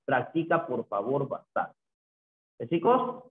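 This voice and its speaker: Male teacher, slow drawn-out delivery, tinny phone-like sound in a roomy echo. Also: medium pitch, very animated. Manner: slow, repeats answers, adds "¿no?" tags. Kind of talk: recorded language lesson. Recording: echoey, phone-like lo-fi audio.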